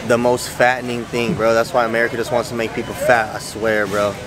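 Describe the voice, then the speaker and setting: A man's voice: mid-range voice, little pitch movement, brisk, over music. A young man vlogging casually while shopping in a big warehouse store, joking and slangy. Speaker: fitness vlogger. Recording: noisy store ambience.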